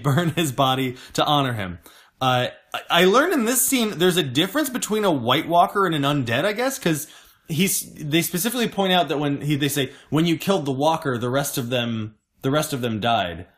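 A man's voice: on the high side, animated, normal speed, a bit bright. A young man casually recapping a TV episode, joking and laughing often between points. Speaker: podcast host recapping episodes.

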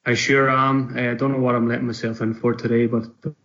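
Donegal Irishman with an even, unvarying delivery. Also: mid-range voice, a little fast, highs cut off. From Donegal, Ireland. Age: 30s. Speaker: podcast guest. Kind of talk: casual interview chat.

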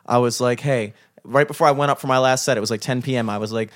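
A young man tells a story in a loose, rambling way, with likes and curse words piling up as he goes. His voice sits in an ordinary middle pitch. It is casual chat among friends. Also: steady tone, fast. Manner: rambling, lots of fillers and swearing. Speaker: musician.

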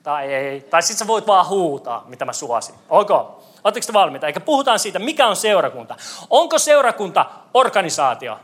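A man's voice: sits high, big pitch swings. A male pastor giving a playful interactive sermon, quizzing the congregation. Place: church hall.

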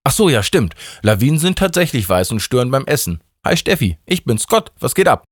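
A man's voice: mid-range voice, very animated, fairly quick, husky, dry recording, pitched above the performer's own voice. Man reading as a sloppy, careless God from a spoken story, casual and flustered, slightly raised voice, dry close sound. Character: laid-back slangy male God, sloppy and careless.

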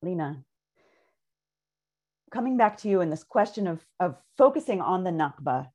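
A woman's voice: fairly low pitch, big pitch swings, moderate pace, mellow. A woman moderating a panel, courteous, asking questions with slight hesitations.

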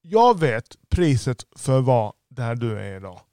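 A business owner with a lisp, giving a blunt, profane podcast monologue. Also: male voice, medium pitch, very animated, dark tone, clean tone, no room sound, studio quality.

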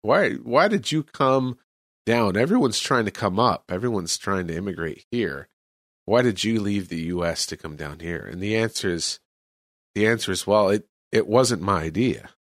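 A man's voice: on the low side, expressive, moderate pace, dry recording, clean studio sound. A man from California, a missionary, talking earnestly about faith in an interview. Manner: earnest, preacherly.

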